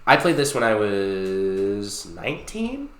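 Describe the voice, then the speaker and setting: A man in his late twenties co-hosting a podcast, retelling a game story in a casual, animated way and swearing freely. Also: lowish voice, takes it slowly, reverberant. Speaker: podcast co-host. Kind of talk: casual chat.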